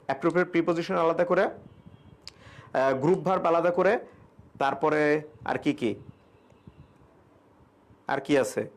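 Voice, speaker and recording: A young man teaching an English grammar class, explaining casually in Bengali with English examples and answering students' questions. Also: on the high side. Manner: reads student questions aloud and answers them. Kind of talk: online exam-prep grammar class.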